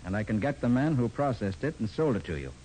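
An actor playing a confident, persistent detective with a firm, clipped way of explaining, in 1940s radio drama style. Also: male voice, medium pitch, animated, fast, dark tone, slight background noise, close to an everyday voice, poor audio.

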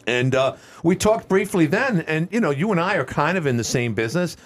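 A man's voice: on the high side, lively intonation, fairly quick. A man from the Northeast of the US hosting a radio show, chatting in a jokey, teasing way with his guest in the studio. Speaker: radio host. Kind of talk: casual radio interview.

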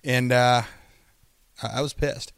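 A man chats as a sports podcast co-host with a bantering, salty manner. His voice sits at a middle pitch in a very dry recording. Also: fairly even intonation, slow, gravelly, fairly bright tone, clean tone, dry recording. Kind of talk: casual sports fan chat.

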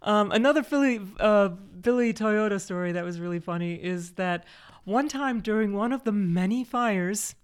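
A woman co-hosting a podcast, recalling old neighbors with lively amusement and frequent laughter. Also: medium pitch, moderate pace, clean tone. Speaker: podcast co-host. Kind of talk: casual reminiscing conversation.

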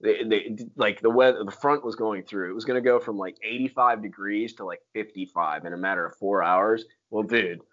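A man's voice: fairly low pitch, steady tone, a little fast, few pauses, fairly bright tone. A man telling stories in casual chat, with slangy talk full of dude, like and freaking. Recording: dull lo-fi sound.

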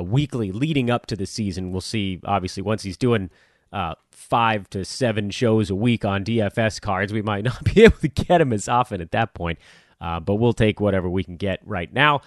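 A man's voice: on the low side, no room sound, clean studio sound. A man hosting a sports podcast, chatting casually and rambling a little as he wraps up the show with plugs and thanks. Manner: upbeat, rambling, self-deprecating. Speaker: podcast host.

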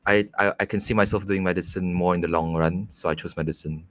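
Quick-talking young man. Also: low-pitched, steady tone, a bit bright. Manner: quick, laid-back, joking. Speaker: podcast co-host. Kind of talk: casual chat.

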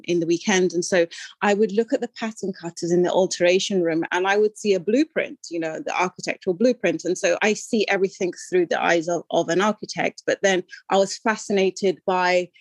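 A woman's voice: lowish voice, no echo. An older woman, born in Sudan and raised in London, speaking as a guest on a podcast interview in a reflective, storytelling way with self-deprecating asides.

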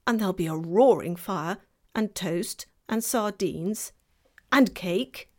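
A woman's voice: mid-range voice, takes it slowly, darkish tone. A woman voicing a polite, fussy male faun who speaks formally and wistfully, for a storybook reading. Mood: courtly. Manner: courtly, formal and eager.

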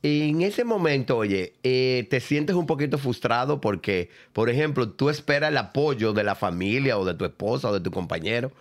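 A man's voice: medium pitch, animated, moderate pace, few pauses. Casual man. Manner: acts out quoted advice, often interjects agreement. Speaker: interview guest. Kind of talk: casual interview anecdotes.

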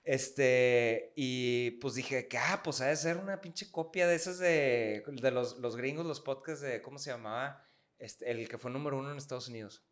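A man's voice: mid-range voice, normal speed. A man chatting casually as a podcast guest, slangy and profane. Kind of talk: casual chat.

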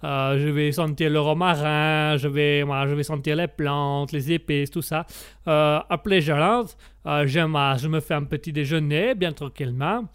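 A man voicing a chatty Italian pasta maker in a put-on Italian accent, speaking slowly and haltingly and filling gaps with "ma". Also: a little high, steady tone, smooth, no room sound, studio quality, natural voice. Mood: rambling. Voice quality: slow and halting, fills gaps with "ma".

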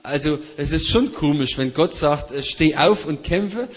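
A man's voice: fairly high pitch, expressive, unhurried. Man interpreting a sermon, echoey hall. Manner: follows the preacher's energy, hesitant fillers.

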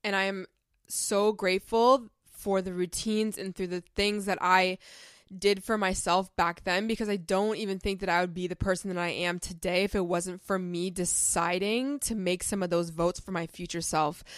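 Young woman podcast host, earnest and heartfelt, casual advice talk, smooth lowish voice, dry close sound. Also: no room sound. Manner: earnest, heartfelt, filler-heavy with many "like"s.

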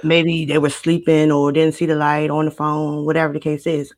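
A woman in her twenties from Maryland, a guest recounting a personal story in a casual interview, steady and matter-of-fact. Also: low voice, moderate pace. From Maryland, United States. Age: 20s.

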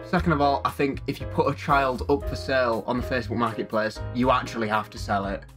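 A man's voice: medium pitch, fairly even intonation, fast talker, soft background music. A young man from Northern England co-hosting a podcast, chatting casually with dry, teasing humour. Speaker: podcast co-host. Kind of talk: casual chat.

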